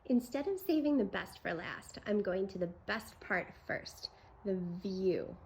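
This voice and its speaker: A woman with a creaky voice giving an enthusiastic home tour as a gushing real estate agent, full of superlatives. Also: mid-range voice, expressive, measured pace, darkish tone. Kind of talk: enthusiastic property tour presentation.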